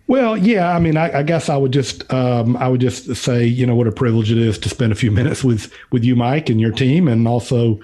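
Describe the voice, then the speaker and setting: Guy with a mellow voice chatting on a podcast, kinda halting, thinking out loud. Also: medium pitch. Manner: halting, repeating words as he thinks aloud. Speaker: podcast's featured financial commentator. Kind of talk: unscripted podcast commentary.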